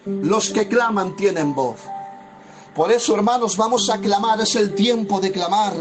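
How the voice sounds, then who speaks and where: Preaching a little slowly, the pastor speaks with fervor in a high, ringing tone and returns again and again to repeated phrases. Underneath, a plucked guitar plays softly but clearly.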